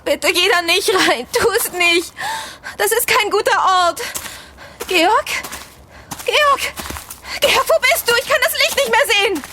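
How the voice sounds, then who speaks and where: A woman's voice: very high-pitched, expressive, measured pace, sharp tone, heavily acted. A woman voicing a terrified young woman in an audio drama, panicky and tearful, repeating herself, on a noisy recording. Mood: pleading.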